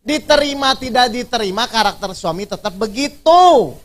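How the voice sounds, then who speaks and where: A man's voice: extremely high pitch, lively intonation, normal speed. A male preacher leading an interactive religious workshop, constantly quizzing his audience with questions and teasing them through everyday examples.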